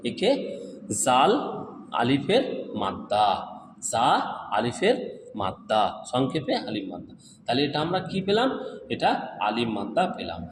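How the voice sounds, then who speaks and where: A man's voice: medium pitch, very animated, moderate pace, long pauses, slight background noise. A man teaching Quran letter reading, asking questions and answering them himself, drawing out the syllables in a sung way. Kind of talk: step-by-step recitation lesson. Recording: echoey room with long reverb.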